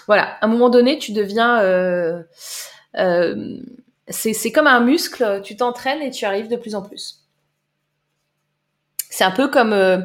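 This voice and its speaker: A woman coach talking casually on a live stream, answering viewers' chat comments in a loose, chatty way with many repeats and fillers. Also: medium pitch. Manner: chatty, loose, repeats words and fills with euh. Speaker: life coach.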